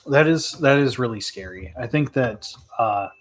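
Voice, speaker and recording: On a live stream, a man chats casually and answers questions as they arrive. His talk is a loose, reflective ramble that circles back on itself, broken by light laughter. His voice is at an ordinary middle pitch for a man.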